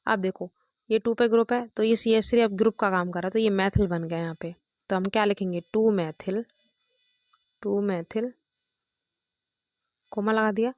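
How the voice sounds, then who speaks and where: A woman's voice: mid-range voice, fairly even intonation, brisk, no echo. Woman teacher counting through chemistry names. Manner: counts out loud, checks with "thik hai" and "dekho". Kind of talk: step-by-step classroom explanation.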